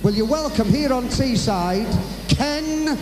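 Very high, slow male ring announcer. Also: animated, music in the background. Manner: loud, drawn-out, formal delivery. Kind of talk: formal boxing ring announcement. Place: boxing ring in indoor arena. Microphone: handheld microphone. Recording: echoing arena PA, clear background noise.

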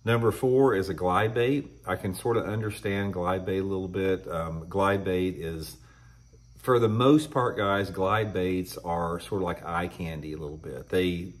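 A man in his fifties hosting a fishing channel, talking casually to camera indoors. He is blunt and opinionated and clears his throat often. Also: low voice, measured pace. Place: indoor room with shelves of tackle.

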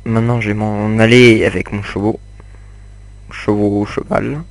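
Young guy slowly rambling over his game, lots of euhs, dry close mic. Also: on the low side, level tone, gravelly, no echo. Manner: rambling, many fillers, chats to viewers while playing. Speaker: gamer commentating his play. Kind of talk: casual gameplay commentary.

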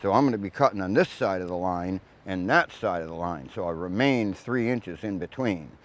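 In a grassy yard near a mill, a shipwright, an older man on a lapel mic, explains how to work a chainsaw in practical, hands-on steps. His voice is low and animated, moving at normal speed. He talks plainly and adds folksy asides.

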